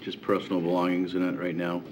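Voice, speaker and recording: A man's voice: low voice, completely flat delivery, fast talker. A man on a hearing board, questioning in an informal, blunt way. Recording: noisy meeting room recording.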